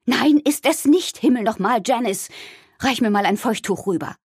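A woman voicing an upset, scolding mother in a read-aloud story, her voice husky. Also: medium pitch, big pitch swings, normal speed, dark tone, no room sound, clean studio sound. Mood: alarmed.

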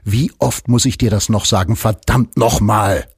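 A man voicing a desperate, crude husband who urgently scolds his wife in a spoken audiobook, in a husky voice. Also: on the low side, sing-song, takes it slowly, dry recording, clean studio sound, heavily acted. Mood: exasperated, scolding.

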